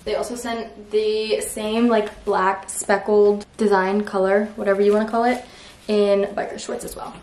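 A woman's voice: medium pitch, normal speed. A young woman in her twenties vlogging casually in an upbeat, chatty way, often saying "like" and "so cute". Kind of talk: casual vlog narration. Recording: handheld phone vlog with steady background noise.

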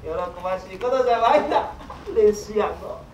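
A man acting a doting, easily flustered bridegroom in traditional Japanese kyogen comedy, with declamatory, drawn-out archaic phrasing. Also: sits high, natural voice. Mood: delighted. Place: open wooden stage, recorded from the audience. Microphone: far camera. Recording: echoey stage, distant mic, faint noise.

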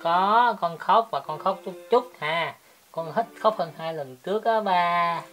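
Little toddler girl voice, put on by a parent, sing-song, high and childish, chatty, faint music behind. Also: a little slow, fairly bright tone, close to an everyday voice. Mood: cheerful. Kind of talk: baby talk for a home video.

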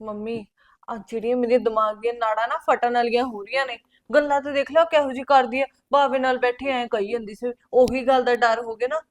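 A woman's voice: a little high, level tone, fairly quick, close to an everyday voice. A young woman playing a married daughter venting in exasperation in a village family drama. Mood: exasperated.

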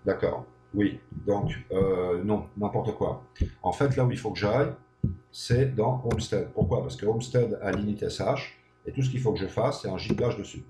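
A programming tutor gives an unscripted screencast lesson, thinking aloud with many hesitations and often checking that the listener is keeping up. His lowish, mellow voice moves at a normal speed over soft background music, in an echoey room with a faint hum.

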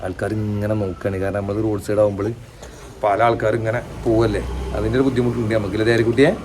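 Low-voiced chatty man outdoors. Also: little pitch movement, fast. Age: young adult. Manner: chatty, teasing questions to his daughter. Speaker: vlogger father. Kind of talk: casual family vlog talk. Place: outdoors by a roadside. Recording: noisy outdoor ambience.

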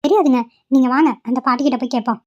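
A woman's voice: high voice, very fast, muffled recording. Woman doing a devoted young wife, insistent. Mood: gentle. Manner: pleading, insistent. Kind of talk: cartoon voice acting.

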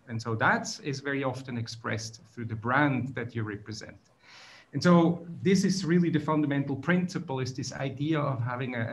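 A middle-aged man from Switzerland, speaking with a Swiss accent, is a guest author thoughtfully answering interview questions on a video call and often restarting phrases. He's in a plain room indoors, his voice medium-pitched, with a little hiss or hum on the audio.

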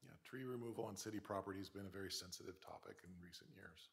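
A man serving as city manager, laying out procedures in a measured way at a council meeting. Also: low-pitched, gravelly.

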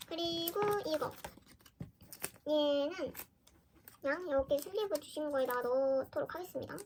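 A woman chatting casually through an unboxing for her fan vlog, often exclaiming softly as she goes. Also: high voice, a little slow, a little hiss or hum. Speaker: fan vlogger.

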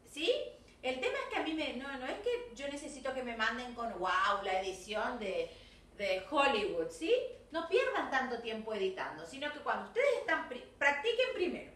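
Argentine woman, primary English teacher, high and animated voice, bilingual coaxing delivery, recorded off-mic. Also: roomy sound, far from the mic. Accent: Argentine Spanish. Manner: switches between Spanish and English, coaxing with constant "¿sí?" and "¿ok?". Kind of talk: recorded class feedback to young pupils.

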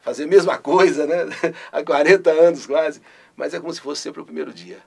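An older man from Brazil, a radio host. His voice is gravelly and husky and sits a little high for a man. He tells his story with animated bursts. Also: fairly quick. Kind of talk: interview recollection.

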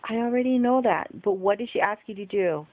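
A woman's voice: mid-range voice, brisk. A woman on a home phone video firmly and patiently questioning a child. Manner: firm, patient, repeatedly questioning. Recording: tinny lo-fi phone recording with hiss.

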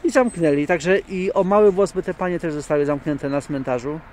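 A man with a darkish, higher-leaning voice talks briskly while filming his family on a handheld phone, outdoors and in a shopping mall. His casual vlog narration is chatty and full of dry joking asides, and the phone recording is noisy with outdoor sound.

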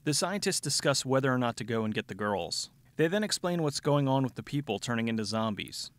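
A man with a medium-pitched voice narrates a scripted movie recap. He is sardonic and wry, recorded close and dry. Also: lively intonation, brisk, no echo. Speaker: film review show host. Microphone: close studio voice-over mic.

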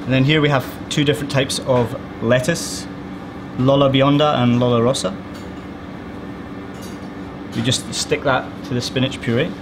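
A young man, a sous chef, calmly explaining a dish step by step as he plates it in a restaurant kitchen. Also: mid-range voice, normal speed, long pauses. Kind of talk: explaining a dish while plating. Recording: loud kitchen air-conditioning hum. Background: air conditioning hum.

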